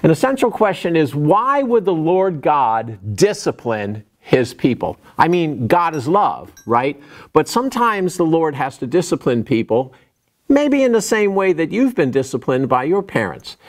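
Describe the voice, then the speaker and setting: A middle-aged man giving a recorded Bible lesson to children in an animated storytelling way, acting out the quotes he tells. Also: a little high, a little slow.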